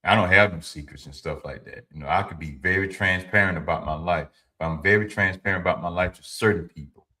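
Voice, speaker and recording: A man's voice: deep voice, fast, bright, forceful tone. A man in his fifties giving informal, preachy advice to his livestream viewers, repeating his points and answering the chat. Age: 50s. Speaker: livestream host. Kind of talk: motivational talk to a live audience.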